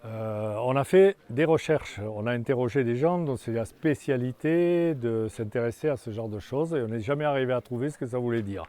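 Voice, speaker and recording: Halting older man guiding a tour. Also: mid-range voice, warm tone. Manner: halting, many restarts and fillers. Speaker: tour guide. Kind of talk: guided tour talk. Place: outdoors in a hamlet.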